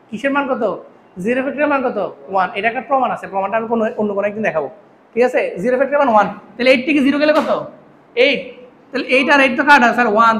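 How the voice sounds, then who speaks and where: A man's voice: very high voice, fairly bright tone. A man teaching a math class, constantly quizzing his students with questions. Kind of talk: classroom lecture. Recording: echoey room, faint hum.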